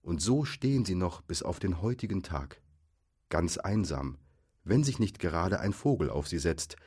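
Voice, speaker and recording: A man narrates a storybook aloud in a low, slightly husky voice. His delivery is lively and animated, rising and falling with the action. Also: normal speed. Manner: lively, expressive reading.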